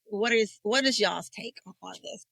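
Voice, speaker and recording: Woman in her 40s, faith podcast host, candid and emotional, bright forceful tone, close dry sound. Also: medium pitch, unhurried, vocal fry, no echo, low-quality recording. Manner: emotional, searching and candid, with frequent fillers. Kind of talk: faith-based conversation about grief.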